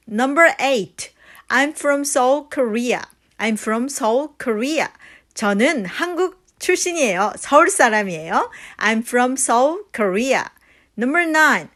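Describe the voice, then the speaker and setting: A woman hosting an English phrase lesson, saying each phrase several times clearly and then translating it quickly. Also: a little high, fairly bright tone. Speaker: English teacher and channel host. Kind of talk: phrase drill lesson for learners.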